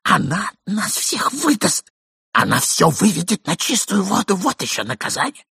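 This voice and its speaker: A cowardly gentleman whines in panic, a man acting him out. The voice is gravelly and husky, and it rises and falls widely, like a storybook reading. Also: high voice, wildly swooping pitch, normal speed, dry recording, clean studio sound, pitched above the performer's own voice, full character voice. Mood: panicky whining. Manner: whining complaints. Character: cowardly middle-aged gentleman, whining and panicky.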